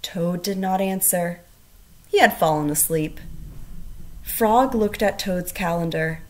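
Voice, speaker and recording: A woman teacher reading a storybook aloud to children, expressive and instructional, asking questions as she goes. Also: lowish voice, slow. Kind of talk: storybook read-aloud with questions to young listeners.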